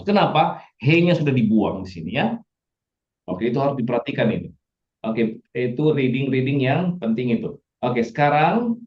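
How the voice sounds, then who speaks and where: Lively male Hebrew teacher, echoey lo-fi. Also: mid-range voice. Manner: animated, acts out dialogue lines in playful voices. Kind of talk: online language lesson. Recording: echoey, dull lo-fi audio.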